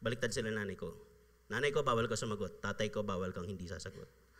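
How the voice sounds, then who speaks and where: A man's voice: fairly low pitch, quick pace, fairly bright tone. A man preaching a sermon as a pastor, conversational, acting out the people he quotes and laughing often. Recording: live church sound with long reverb.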